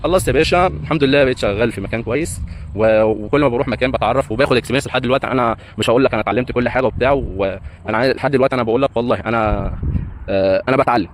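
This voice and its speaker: With a medium pitch and a rapid-fire delivery, a man talks over a little hiss or hum. He is in his thirties, speaks with an Egyptian Arabic accent, and as a breakdancer and hotel entertainer recounts his life in a casual, rambling monologue thick with hesitant fillers.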